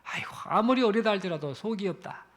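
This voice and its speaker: A man voicing a busy father who speaks slowly and weightily to his young son. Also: sits high, lively intonation, a bit bright. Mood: scolding. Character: busy father, stern then remorseful.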